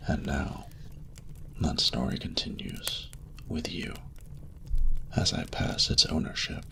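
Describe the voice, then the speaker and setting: Playing a proud, flirting male dragon in an intimate romantic audio roleplay, a man commits to a full character voice with huge pitch swings. Gravelly and half-whispered, he speaks in formal, grandiose, unhurried phrases, and the mood is flirtatious and grand.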